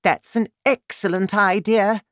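A man's voice: high voice, steady tone, unhurried, fairly bright tone, no echo, studio quality, voice pushed up. A man voicing a firm, commanding queen in a storybook reading. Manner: commanding, decisive. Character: stately, firm human queen, woman.

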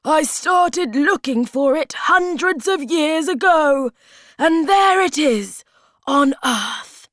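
A woman's voice: sits high, lively intonation, a bit bright, no room sound, studio quality, pitched above the performer's own voice, heavily acted. A woman doing a weary ancient hobgoblin. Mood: excited. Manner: slow, weary and solemn. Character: sad, tired ancient male hobgoblin.

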